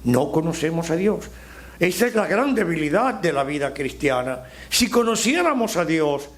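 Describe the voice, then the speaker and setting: Slow, emphatic Dominican preacher man. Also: mid-range voice. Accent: Dominican Spanish. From Dominican Republic. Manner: emphatic preaching, slowing and rising on key phrases. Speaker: pastor. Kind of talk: sermon.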